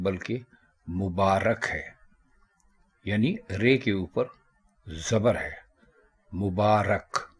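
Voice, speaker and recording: Slow, husky man teaching pronunciation. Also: lowish voice. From South Asia. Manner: measured, patiently corrects word by word. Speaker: language teacher. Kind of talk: scripted pronunciation lesson.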